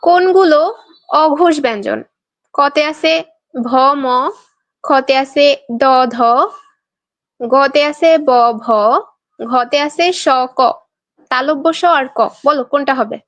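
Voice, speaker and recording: A woman's voice: high voice, slow, pauses often, no echo. A young woman from Bangladesh teaching an online exam-prep class, quizzing students and reading their answers aloud with a playful, teasing manner.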